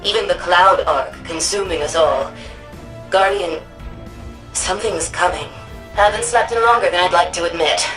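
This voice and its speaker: An actress playing an authoritative, wry older female city administrator in a sci-fi game, delivering scripted mission dialogue in a crisp, commanding manner. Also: on the low side, normal speed, pauses often, a bit bright, soft background music, natural voice, rough recording. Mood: shaken, weary.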